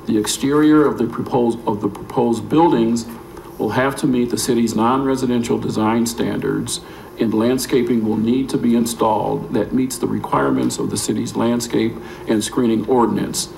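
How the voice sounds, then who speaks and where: A gravelly, slightly mellow mid-range voice belongs to an American planning staffer reading a formal report at a public meeting. He keeps a steady tone and a moderate pace. The recording has an echoey room sound with faint noise.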